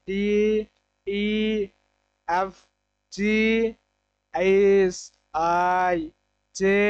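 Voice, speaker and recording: A man's voice: sits high, clean tone, dry recording, highs cut off. A young man from Bangladesh, teaching an online English grammar lesson. He asks questions and answers them himself, repeating the key points.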